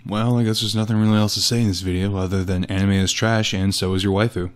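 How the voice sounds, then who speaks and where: Over background music, a man gives a comedic dramatic reading of text messages in a sardonic, exasperated tone. He's a host and voice actor whose lowish voice stays steady and moves fast.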